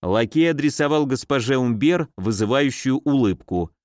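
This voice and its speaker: A man narrating a story with a steady, expressive reading. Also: mid-range voice, normal speed, no echo, clean studio sound. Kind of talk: audiobook narration.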